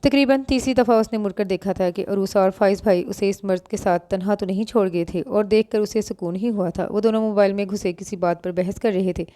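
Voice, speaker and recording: Woman reading a novel, mellow and dry. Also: medium pitch, a little fast, few pauses, no echo. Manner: reads dialogue of several characters in one even voice. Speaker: novel narrator. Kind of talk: reading an Urdu romance novel aloud.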